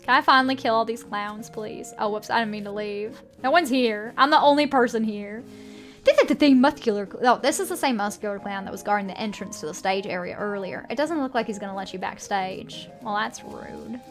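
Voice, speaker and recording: A woman's voice: on the high side, brisk, a bit bright, soft background music. A woman streaming a video game, reading its story text aloud and reacting casually as she plays.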